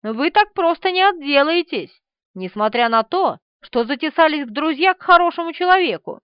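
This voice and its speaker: A woman's voice: sits high, expressive, moderate pace, no room sound, pitched above the performer's own voice. A woman voicing a feisty, mischievous young woman with a bold, teasing manner in an audiobook. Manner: bold, teasing, sharp-tongued. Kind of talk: audiobook character reading. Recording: dry, slightly dull studio recording.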